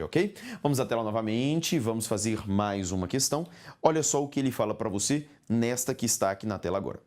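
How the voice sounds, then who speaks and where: Brazilian man, grammar teacher, recorded prep lesson, slow syllable spelling, emphatic rising checks. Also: mid-range voice, darkish tone. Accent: Brazilian Portuguese. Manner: didactic, addresses student directly with frequent "ok?".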